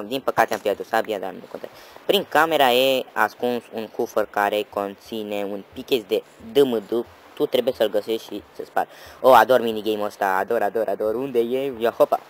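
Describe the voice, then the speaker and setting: A man giving excitable let's-play commentary, swearing and yelling at enemies over loud game music. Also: lowish voice, slight background noise, low-quality recording. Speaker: gaming channel host.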